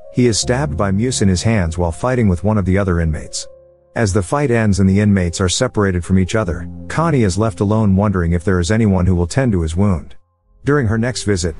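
A man narrates a film plot in a steady, even scripted read. His voice sits low, and it is recorded close to the mic. Soft music plays faintly behind him. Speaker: movie recap narrator.

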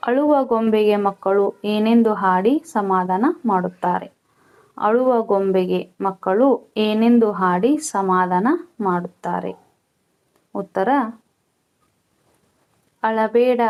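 A woman teacher, slowly reading out questions and answers and repeating each one for students to copy. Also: medium pitch, a little mellow. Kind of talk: slow dictation-style Kannada lesson.

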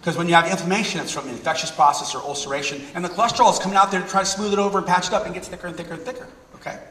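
A middle-aged man giving a public talk and taking audience questions, energetic and fond of repeating words for emphasis. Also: high-pitched, racing, a little hiss or hum. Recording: roomy hall, mic at a distance.

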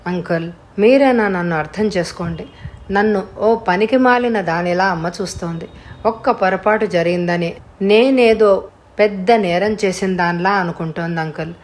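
A woman's voice: moderate pace, darkish tone, close to an everyday voice. A woman voicing a spoiled, petulant young woman in an audiobook story, speaking in a snappish, raised voice. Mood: irritable. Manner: snappish, raised and higher than her narration.

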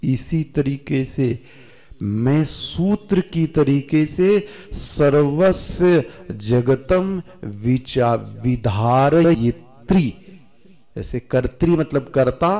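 Indian swami, unhurried scripture discourse, soft dark tone, asks and answers himself. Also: male voice, mid-range voice, animated. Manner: rhetorical questions answered himself; slow, drawn-out recitation of Sanskrit.

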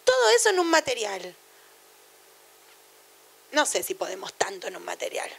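A woman's voice: medium pitch, wildly swooping pitch, normal speed, gravelly, fairly bright tone, slightly rough. A middle-aged woman with a Rioplatense Spanish accent giving a university lecture on education in a chatty, digressive way, full of anecdotes and asides.

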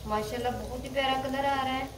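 A woman hosting a cooking channel, calmly explaining each step of a recipe in a voice-over while she cooks at home. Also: high voice, fast, background noise. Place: home kitchen.

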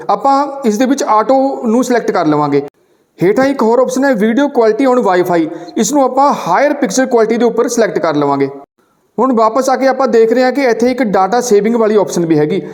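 A man hosting a channel, talking viewers through phone settings step by step in a steady, instructive voice-over. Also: high-pitched.

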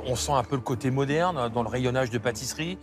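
Fast-talking man judging bread. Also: medium pitch. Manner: brisk expert appraisal. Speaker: bakery judge. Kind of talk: food tasting commentary. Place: inside a bakery shop.

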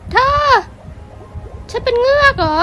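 A woman's voice: a little slow, pushed and bright, faint music behind. A female performer voicing a curious, anxious girl who was raised human and finds she is a mermaid, in amateur story role-play full of exclaimed questions. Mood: astonished.

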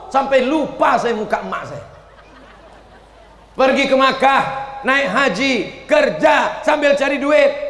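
A high-pitched man preaches to a crowd, lively and animated, now and then rising to a shout. His voice rings through a big hall with a long, echoing tail. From Riau, Indonesia. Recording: echoey hall with long reverb.

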